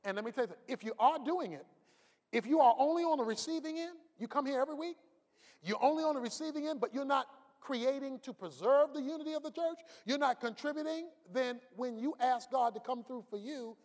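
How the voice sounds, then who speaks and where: Pastor guy preaching, high voice, yells the big lines then drops low for stories, big echoey hall. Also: animated, brisk. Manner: preaching with shouted rising climaxes and storytelling asides. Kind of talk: sermon. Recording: long reverb of a large hall.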